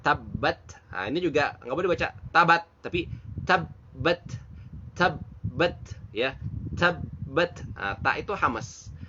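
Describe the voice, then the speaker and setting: A man giving a casual Quran recitation lesson, patiently repeating and slowly modeling Arabic sounds. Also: mid-range voice, sharp tone. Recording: dull lo-fi phone recording with faint hiss.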